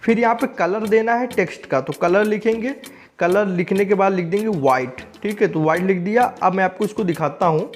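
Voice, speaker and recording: A man's voice: sits high, fairly quick, soft background music. A young man explaining a coding tutorial step by step, often checking in with the viewer as he works on screen.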